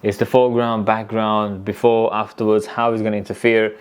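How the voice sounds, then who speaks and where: Tattoo guy explaining stuff, kinda low voice, rambles and restarts a lot. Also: level tone, normal speed, clean tone. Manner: rambling, restarts often, acts out client talk. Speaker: tattoo artist and teacher. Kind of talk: casual spoken lesson.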